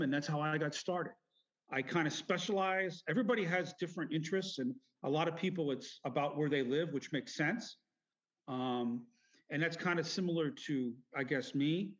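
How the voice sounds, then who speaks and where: A middle-aged man telling personal stories in an interview in a halting, meandering, self-correcting way. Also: fairly high pitch. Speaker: military veteran interviewee. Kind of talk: rambling personal storytelling interview. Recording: dull lo-fi audio.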